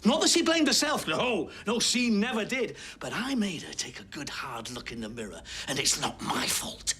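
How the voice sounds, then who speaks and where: An actor playing a controlling, bitter older Northern English husband on trial in a TV soap, his calm turning to angry scorn. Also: high voice, normal speed, heavily acted. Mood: angry contempt. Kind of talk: TV soap courtroom acting.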